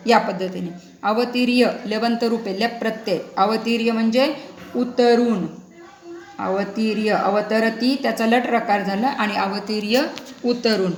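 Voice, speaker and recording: Lady sanskrit teacher, fairly high voice, kinda roomy sound, reads lines slow then explains. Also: fairly even intonation. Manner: often checks understanding with the class. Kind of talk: explaining a Sanskrit play line by line. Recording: roomy echo.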